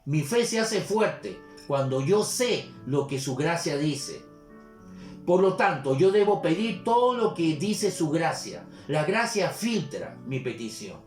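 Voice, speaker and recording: A man's voice: on the high side, sing-song, takes it slowly. Male pastor preaching in an echoey room. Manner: teaching, explains with examples and scripture. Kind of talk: sermon. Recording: echoey room with soft guitar music. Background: soft guitar music.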